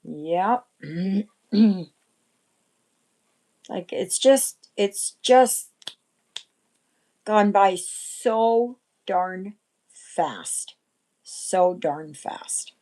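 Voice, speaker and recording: A woman in her sixties hosting a casual livestream chat, rambling and often clearing her throat. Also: medium pitch, lively intonation, extremely slow, pauses often, mellow, poor audio. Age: 60s. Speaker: livestream host.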